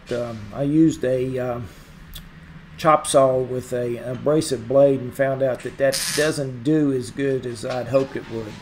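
A middle-aged hobby welder and channel host casually narrates his welding work in a medium-pitched, slightly mellow voice, rambling and plain-spoken with lots of uhs and ums. He's in a large open garage workshop, recorded by a distant camera mic after a close selfie at the start, with workshop noise behind him.

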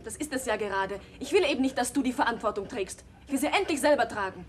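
Speaking fast in a fairly high, natural voice, an actress portrays a young waitress who is the innkeeper's daughter in a 1960s TV drama. She is outspoken and defiant toward her father, heard over an old TV soundtrack with faint hiss.

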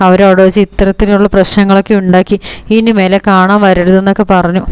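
Woman vlogger retelling a serial, super quick, crisp clear voice. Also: mid-range voice, flat delivery, darkish tone, no echo. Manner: brisk, conversational retelling. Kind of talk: casual storytelling recap.

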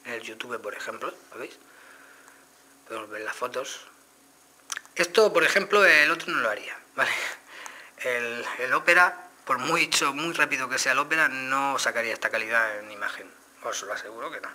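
A man's voice: mid-range voice, moderate pace, sharp tone. A man with a Spain Spanish accent casually demonstrating a phone to viewers, explaining each step. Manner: explanatory, addresses viewers directly. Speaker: phone reviewer. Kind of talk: casual product demo.

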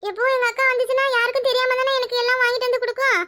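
A woman's voice: extremely high pitch, little pitch movement, rapid-fire, sharp tone. A woman voicing a scared little schoolboy who skipped school, pleading and fretful, with a Kanyakumari Tamil accent. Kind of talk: cartoon voice acting.

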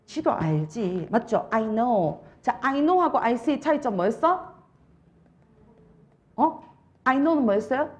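A young woman with a Busan Gyeongsang accent lecturing an English test-prep class, animated and constantly checking that students follow. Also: high voice, drawn-out words, pauses often. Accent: Busan Gyeongsang Korean. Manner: animated, keeps checking understanding with rhetorical questions.

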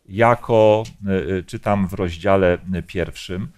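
A man's voice: low-pitched, slow pace, darkish tone, clean tone. Man leading a Bible study discussion. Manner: questioning, explanatory.

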